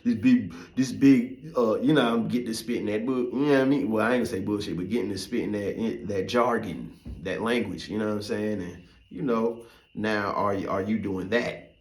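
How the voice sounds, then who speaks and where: A man's voice: lowish voice, fairly quick, roomy sound. A middle-aged man as podcast host, talking in a loose, profane, rambling way with many fillers. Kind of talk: casual monologue.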